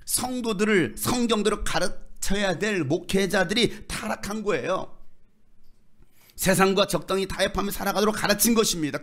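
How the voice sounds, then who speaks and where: A man preaching a sermon as pastor of his church, colloquial and animated, firing rhetorical questions at the congregation and playfully acting out quotes and voices. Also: high-pitched. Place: church sanctuary.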